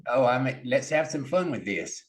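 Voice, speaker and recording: A man hosting a podcast, opening the show and asking questions in a slow, halting way. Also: mid-range voice, animated. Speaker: podcast host. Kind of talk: scripted show intro and questions. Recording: echoey room.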